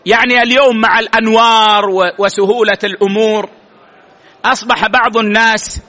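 A man giving a religious lesson, explaining the text slowly and deliberately and repeating key words. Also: high-pitched, steady tone, pushed and bright. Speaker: religious teacher.

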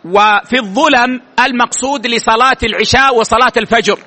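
A man giving a religious lesson, explaining the text slowly and deliberately and repeating key words. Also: extremely high pitch, bright, forceful tone. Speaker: religious teacher.

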